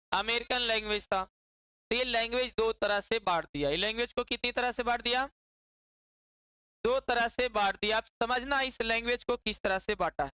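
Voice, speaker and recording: A woman's voice: a little high, bright, forceful tone, smooth, no echo, poor audio. A woman teaching a class, repeating key words and quizzing her students with constant questions. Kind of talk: classroom lecture.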